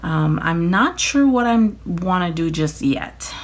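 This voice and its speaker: A tired woman chatting casually through a nail-kit unboxing at home, rambling, apologizing and filling pauses with ums. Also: on the low side, lively intonation. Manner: rambling, apologetic, many fillers, laughs often. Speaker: nail vlogger.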